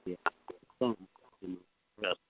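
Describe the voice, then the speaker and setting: A man calling in for prayer who answers in short, halting bits, with the phone held away from his mouth so that he sounds faint and breaks up. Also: a little hiss or hum. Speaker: caller asking for prayer. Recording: tinny, distant phone line.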